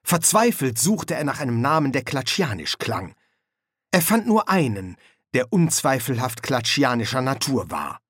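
A man narrating an audiobook with a lively storytelling delivery on a close microphone. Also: mid-range voice, moderate pace, husky, no echo. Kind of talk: scripted narration.

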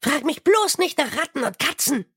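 A squeaky, fussy goblin clerk. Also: male voice, very animated, normal speed, fairly bright tone, dry recording, studio quality, exaggerated voice. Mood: eager. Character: small eager male goblin clerk, proud and pedantic. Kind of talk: audiobook character voice.

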